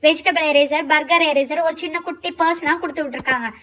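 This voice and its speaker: A woman's voice: sits high, steady tone, fast, fairly bright tone. A woman voicing Fouziya, a stubborn, boastful schoolgirl in a doll show, speaking. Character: bossy sulking schoolgirl Fouziya. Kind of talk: doll show role-play.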